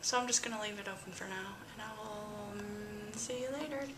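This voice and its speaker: A middle-aged woman and mother vlogging casually from her home, chatty with breathy sighs and sudden bursts of excitement. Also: mid-range voice, moderate pace, over music. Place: home, front room.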